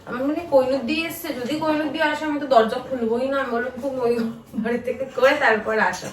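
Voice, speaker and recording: Chatty high-voiced woman vlogging at home. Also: steady tone, fast talker. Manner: chatty, complaining about chores and lack of sleep. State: tired. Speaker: family vlogger. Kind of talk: casual home vlog chat. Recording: echoey room, distant from mic, noisy.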